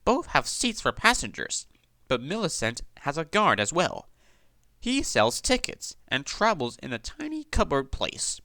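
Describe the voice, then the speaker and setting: A bright, eager young engine, lifted high and swinging up and down as he chatters, as a man reads him out. The storybook voice is crisp and close, with a dry, roomless sound. He stays earnest and polite throughout. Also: huge pitch swings, unhurried, dry recording, heavily acted. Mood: chatty.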